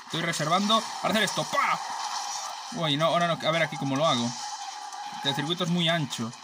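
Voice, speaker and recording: A man with a Spain Spanish accent giving excitable, profane let's play commentary, joking and trash-talking rival racers. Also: on the high side, a little fast, noisy background. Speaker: gaming channel host. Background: racing game music and sounds.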